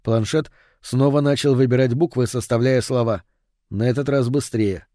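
Male narrator, horror audiobook, dark mellow voice, dry close sound. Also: mid-range voice, normal speed, no echo.

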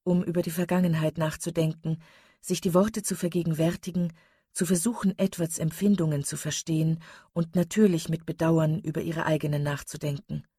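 A woman reading a novel aloud as audiobook narrator, in a steady, even way. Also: low-pitched, a little fast, slightly rough, no room sound, clean studio sound. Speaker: audiobook reader. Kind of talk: scripted narration.

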